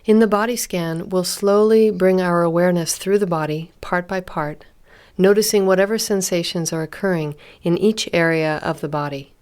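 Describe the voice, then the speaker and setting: This woman's lowish voice is clear and resonant as she leads a guided body scan. Her pace is unhurried and her manner calm and gentle, with long pauses throughout.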